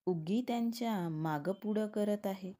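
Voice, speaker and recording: A woman's voice: medium pitch, unhurried, mellow, close to an everyday voice. A woman voicing a curious young man who has just joined the office. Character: curious young male new employee.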